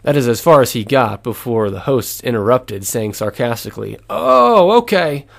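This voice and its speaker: A man giving a scripted lesson, reading in a measured, earnest way. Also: lowish voice, gravelly. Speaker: lecturer. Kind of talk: scripted narration.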